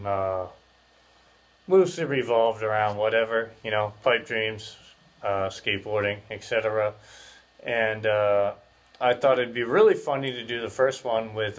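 Podcast host, male, 30s, lowish voice, jaw wired shut so words come through clenched teeth, loose slangy rambling chat. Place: small bare room, indoors.

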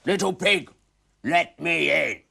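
A man voicing a hungry big bad wolf with slow, drawn-out, loud threats while reading a storybook. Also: on the high side, lively intonation, creaky, breathy edge, voice pushed up, exaggerated voice. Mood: menacing.

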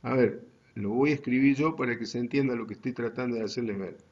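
Un hombre con acento argentino que da una clase universitaria en línea, explicando con calma y paso a paso. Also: male voice, mid-range voice, muffled recording. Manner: slow, deliberate explaining to students. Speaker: university GIS teacher. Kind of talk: online class lecture.

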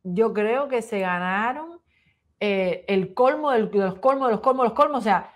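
A Cuban woman co-hosts a casual chat show. She laughs easily and reads viewer comments aloud in a fairly high voice. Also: animated, normal speed. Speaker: co-host.

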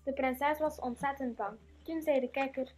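A woman narrating a fairy tale in a steady, plain way for a school play. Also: high voice, moderate pace, faint music behind.

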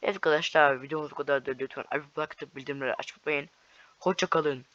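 A young man chats through a mobile game, excitable and quick to shout taunts at his rivals. His voice is fairly high and bright, close to a dry mic. The sound is a little dull and lo-fi. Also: no echo. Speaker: gaming YouTuber. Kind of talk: casual gameplay commentary.

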